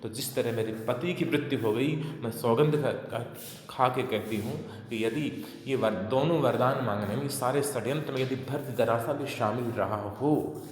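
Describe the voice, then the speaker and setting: A male literature lecturer works through a poem, reading each verse slowly with feeling before breaking it down word by word. His voice sits at an ordinary middle pitch. The recording rings with a long echo, as though captured in a large hall. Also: slight background noise. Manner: recites verses slowly and with feeling, then explains them word by word. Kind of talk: explaining poetry in a lecture. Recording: echoey room with long reverb.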